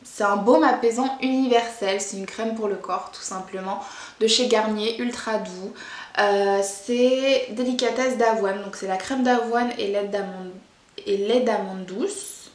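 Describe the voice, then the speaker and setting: A woman's voice: mid-range voice, steady tone, a little slow. A young woman from Brittany reviewing beauty products in a chatty, rambling way, full of hesitations. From Brittany, France. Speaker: beauty vlogger. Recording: echoey room with faint noise.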